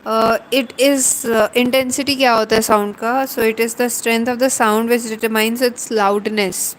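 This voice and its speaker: A woman with an Indian accent lectures at a very slow, careful pace, defining each term in turn and switching between Hindi and English. Her voice sits a little high. A faint noise runs under the recording. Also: fairly even intonation, low-quality recording. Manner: slow, deliberate, explaining term by term.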